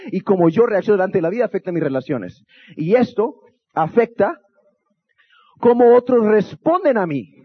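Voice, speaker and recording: A man's voice: high-pitched, slightly rough, highs cut off. A man from Guatemala, speaking as a youth pastor to an audience, telling stories with humor and acting out quotes. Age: adult, married. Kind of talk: motivational talk to an audience.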